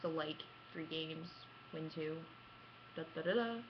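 A young adult woman who vlogs about gaming tells animated stories to camera in a casual, theatrical, self-mocking way. Her voice is low and a little slow. She's in a small room at home, recorded by a computer webcam at arm's length, giving dull lo-fi sound with clear noise.

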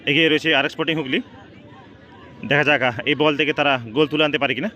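At a local football ground outdoors, a man delivers live commentary on a shootout, repeating stock phrases and slipping in English words. His voice is on the high side, fast, bright and forceful yet steady in tone. Crowd and outdoor noise fill the background.

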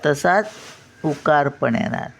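An older woman teaching a spelling and pronunciation lesson, slowly drawing out syllables to show how words are said. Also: low voice, expressive, vocal fry, a little hiss or hum.

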